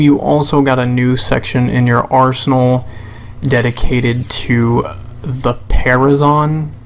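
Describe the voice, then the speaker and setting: A gravelly, medium-pitched man rants over a video game, exasperated. It's an unscripted, blunt, sweary commentary from a gamer making a rant video.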